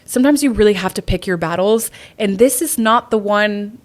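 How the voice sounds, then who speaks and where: A young woman at an ordinary middle pitch hosts a podcast and talks through dating advice. She sounds candid and reflective, as if she is working through her own feelings, and her speech is loose and full of "like" fillers. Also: normal speed. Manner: reflective and confessional, with many "like" fillers. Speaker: podcast host. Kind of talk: candid relationship advice monologue.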